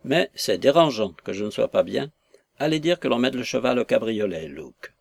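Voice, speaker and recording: A man voicing an ill, confused older father who is quick to anger, speaking in short, abrupt bursts in an audiobook reading. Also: mid-range voice, animated, a little mellow, no echo, natural voice. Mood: agitated.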